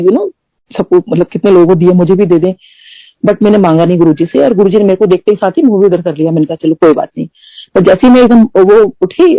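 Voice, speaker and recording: A woman's voice: mid-range voice, dry recording, dull audio. A middle-aged woman telling personal devotional stories in a conversational way, mixing in English phrases and "you know" fillers and acting out the dialogue. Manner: storytelling that acts out quoted dialogue. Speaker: devotee sharing personal testimony. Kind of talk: conversational satsang testimony.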